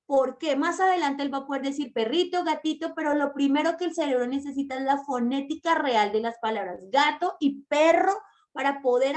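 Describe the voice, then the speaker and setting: Woman, high voice, patient emphatic teacher speaking straight to parents. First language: Spanish. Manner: explains slowly, stresses words, addresses mothers directly. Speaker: early-childhood language teacher. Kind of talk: online masterclass lecture.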